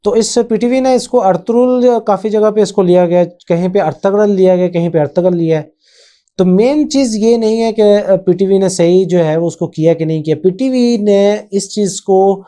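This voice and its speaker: Fairly high, mellow-voiced man rambling. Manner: rambling, with frequent hesitations and English phrases mixed in. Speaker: channel host. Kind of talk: casual spoken commentary.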